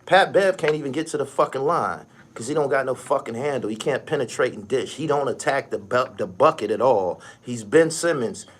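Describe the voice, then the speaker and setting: A man's voice: medium pitch, fairly quick, few pauses, a little hiss or hum. Man ranting about basketball, profane and blunt. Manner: animated, blunt, swears a lot, rising to shouted outbursts. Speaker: basketball podcast host.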